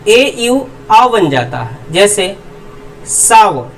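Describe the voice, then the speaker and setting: A teacher with a sing-song, mid-range voice gives an explanatory lesson on English pronunciation, repeating and answering their own rhetorical questions and slowly drilling word pairs, word followed by meaning. It's recorded from a distance in low quality, with a little hiss or hum.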